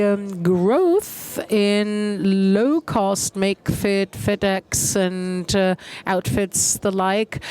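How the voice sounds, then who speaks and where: A woman interprets a conference keynote in a measured manner, pausing often and using hesitation fillers. Her voice is mid-range with a darkish tone.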